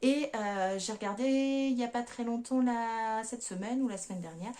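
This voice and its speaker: A woman's voice: a little high, normal speed, mellow. Chatty woman with many fillers. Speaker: knitting podcast host. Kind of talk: casual chat.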